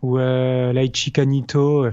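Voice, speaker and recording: A man co-hosting a casual podcast chat, agreeable and quick to back up his partner. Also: medium pitch, flat delivery, dark tone, clean tone, highs cut off. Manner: agreeable, frequent backchannel. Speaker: podcast co-host.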